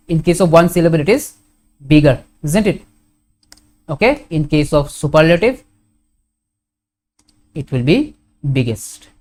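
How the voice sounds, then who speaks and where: Teacher saying "okay" constantly. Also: male voice, a little high, darkish tone. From India. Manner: fills with frequent "okay", corrects himself, asks and answers questions. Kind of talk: grammar lesson to students.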